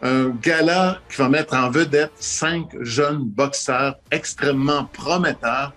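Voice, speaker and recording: A man's voice: mid-range voice, takes it slowly, a bit bright. A man, a boxing promoter, talks up the event in an upbeat, promotional way. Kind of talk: promotional statement.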